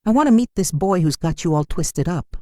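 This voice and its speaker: A woman reading the lines of a caring older woman friend with gentle teasing. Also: lowish voice, lively intonation, fairly quick, no echo, clean studio sound, pitched above the performer's own voice, natural voice. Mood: fond.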